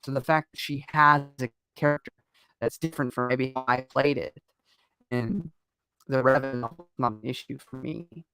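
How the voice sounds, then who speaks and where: A man's voice: mid-range voice, fairly even intonation, normal speed, sharp tone, smooth, no echo, soft background music, low-quality recording. Rambling man talking fandom. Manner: digressive, restarts a lot. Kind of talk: casual chat.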